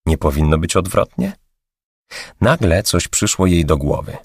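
A man reading an audiobook in steady, scripted narration. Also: low-pitched, unhurried, breathy edge, no room sound, studio quality.

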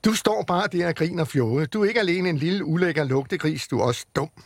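A man's voice: fairly high pitch, no echo. A man voicing Julie, a prim, scolding lamb. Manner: scolding, haughty. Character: sweet, prim little girl lamb.

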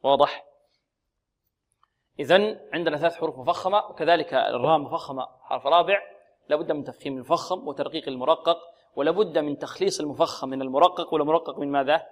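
Man teaching quran recitation, fairly high voice, asks then answers his own questions, draws out example words. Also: fast. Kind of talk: tajweed lesson on radio.

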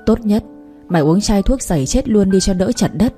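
A woman's voice: mid-range voice, lively intonation, moderate pace, faint music behind, lightly acted. A woman doing a drunken raging old village man. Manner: shouting, cursing.

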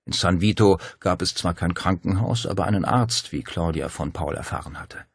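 A man reading a crime novel aloud in a calm, measured narration. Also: deep voice, breathy edge, no room sound, studio quality. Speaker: audiobook narrator.

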